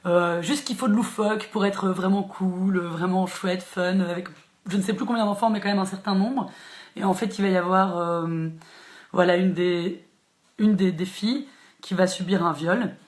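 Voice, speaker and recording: A woman's voice: on the low side, fairly even intonation, normal speed. A woman who hosts a live book chat and talks casually with many fillers and restarts. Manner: chatty, frequent fillers and restarts, laughs easily. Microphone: phone or laptop live stream. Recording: echoey room.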